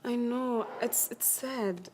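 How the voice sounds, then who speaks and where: An actress playing a gentle female mourner who softly consoles the grieving family. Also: fairly high pitch, takes it slowly, very noisy. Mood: consoling. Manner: soft, consoling. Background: loud music.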